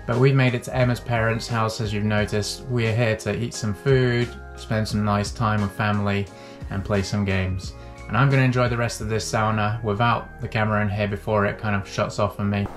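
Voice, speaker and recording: A man in his thirties chatting casually and quietly to a handheld camera while sitting in a small wooden sauna. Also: normal speed, few pauses, faint music behind. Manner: relaxed, low-key, sitting still. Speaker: vlogger. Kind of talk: casual vlog chat. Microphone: action camera at arm's length.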